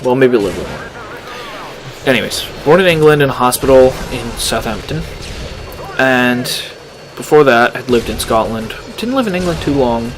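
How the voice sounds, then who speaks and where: Teen guy, chatty gameplay commentary, mid-pitched voice, noisy game audio behind. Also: expressive, moderate pace. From California. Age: teens. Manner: rambling, chatty, self-deprecating. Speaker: gaming channel host.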